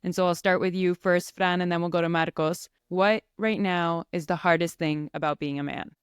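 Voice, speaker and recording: A young woman hosts a conversational podcast, her voice sitting on the lower side. She talks in a measured, reflective way as she introduces guests and asks questions. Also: fairly even intonation, clean tone, dry recording, clean studio sound. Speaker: podcast host.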